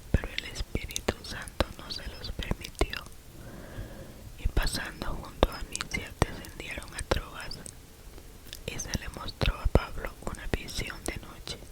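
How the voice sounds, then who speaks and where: A person reading scripture as ASMR in a cupped-hand whisper, very close to the mic as if into the ear. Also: poor audio. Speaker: ASMR reader. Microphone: very close to the mouth.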